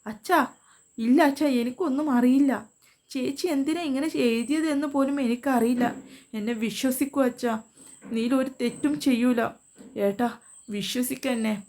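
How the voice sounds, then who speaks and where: A woman's voice: mid-range voice, little pitch movement, moderate pace, mellow, close to an everyday voice. A woman voicing a frightened young woman who pleads through tears, in a spoken family story. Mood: tearful pleading. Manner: tearful, pleading questions.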